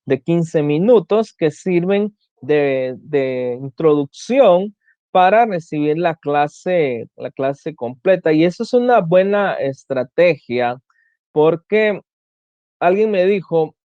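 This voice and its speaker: A teacher giving an online class, slowly explaining and listing example words one by one. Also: medium pitch, animated, warm tone, no echo. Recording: dull lo-fi sound.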